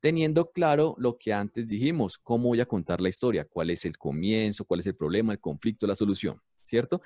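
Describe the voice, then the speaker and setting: A man's voice: fairly low pitch, brisk, no echo. Man explaining with rhetorical questions. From Colombia. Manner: animated, rhetorical questions answered himself. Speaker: university radio producer and teacher. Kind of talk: explanatory talk on radio storytelling.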